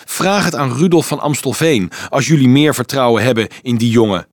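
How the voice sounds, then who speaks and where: In a storybook reading, a man voices an agitated crusade leader who loudly insists and pleads with a crowd of children, his mood heated. The lightly acted performance is brisk and medium-pitched, recorded at studio quality with no echo.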